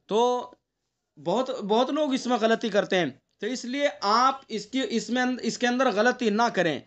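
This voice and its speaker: Guy teaching tajweed online, really high voice, patient, keeps asking "ok?" and hums the nasal sounds to show them. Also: a bit bright. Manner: explains patiently, often checks with "okay?" and models nasal sounds aloud. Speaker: Quran recitation teacher.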